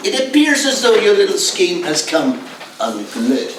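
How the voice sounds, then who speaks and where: A shifty con man played by a man hides behind a put-on French accent, then drops it when he is rattled. His voice is high and swoops widely. It is heard from far off on an echoey, noisy stage. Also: big pitch swings, unhurried. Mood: smooth blackmail. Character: scheming male con man faking a Frenchman. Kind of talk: amateur stage play. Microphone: distant room mic.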